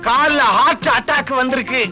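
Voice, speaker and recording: An actor playing a sly comic swindler full of whining excuses, in a film with music behind. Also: male voice, extremely high pitch, fairly even intonation, moderate pace, rough recording. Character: wily comic swindler husband.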